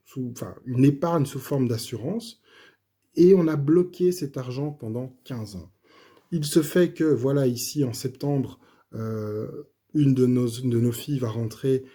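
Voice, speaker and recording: A middle-aged man with a slightly hoarse, mid-range voice shares his personal faith testimony. He speaks casually and haltingly, full of fillers and restarts, in a warm tone.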